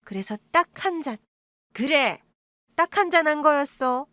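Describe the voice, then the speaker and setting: Woman doing a shrill, wheedling birth mother. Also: expressive, unhurried, pushed and bright, dry recording, studio quality, heavily acted. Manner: wheedling, indignant, talks in high pleading bursts. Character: scheming middle-aged birth mother, pushy and shrill. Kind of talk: Korean audio-drama acting.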